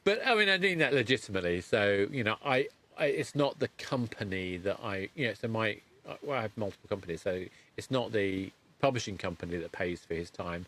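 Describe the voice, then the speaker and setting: Interviewing a guest on his podcast, a middle-aged host wanders conversationally, often breaking off mid-thought to fix what he said. He sounds expressive, his low-leaning voice carrying a slight brightness.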